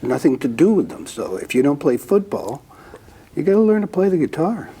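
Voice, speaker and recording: Gravelly, husky older man. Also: a little high, fairly quick. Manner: reminiscing, animated, lots of fillers like I mean. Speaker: host. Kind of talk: casual interview.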